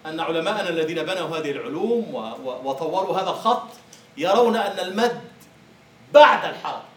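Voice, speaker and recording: A university lecturer speaks to his class in a fairly high, lively voice at a quick pace, posing questions to the students and then answering them himself. He is recorded from a distance in an echoey room.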